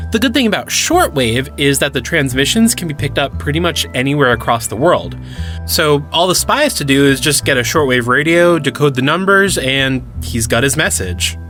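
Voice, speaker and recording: A man's voice: mid-range voice, pushed and bright. An actor playing an enthusiastic young male cryptid hunter who explains things eagerly in an audio drama. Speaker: lead character.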